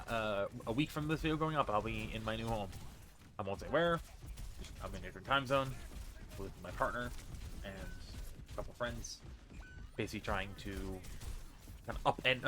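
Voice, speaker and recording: This streamer and vlogger from Massachusetts has a lowish, slightly bright, congested voice with a faint Boston accent. He rambles through a casual bedroom vlog, restarting often and filling gaps with fillers. A fan runs in the room, and he uses a desk mic on a stand.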